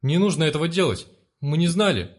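A man reading aloud, voicing a father in an everyday, low-key voice. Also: very animated, a little fast. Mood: pleading. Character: gentle father, then pleading for his family.

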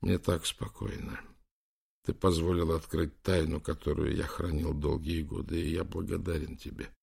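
A man's voice: extremely low pitch, fairly even intonation, normal speed, vocal fry, a little mellow, slightly rough, exaggerated voice. A man doing a faint, dying old king. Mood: serene. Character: dying old king, weak, serene, grateful.

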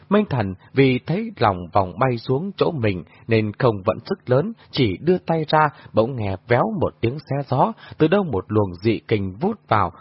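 A man narrating a dramatic martial-arts novel with animated storytelling. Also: medium pitch, husky, no room sound. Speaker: audiobook narrator. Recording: dull lo-fi audio.

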